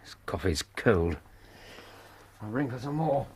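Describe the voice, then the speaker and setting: An actor in a radio drama playing an amiable, curious army doctor who is conversational, questioning and a bit sceptical. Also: male voice, medium pitch, lively intonation, a little slow, crowd noise, lightly acted. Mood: casual.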